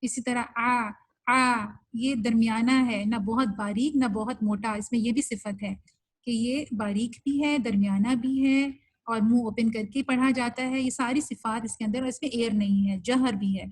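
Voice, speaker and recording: A woman's voice: a little high, fairly even intonation, rough recording. A woman teaching an online recitation class, explaining things patiently and mixing English terms into her speech.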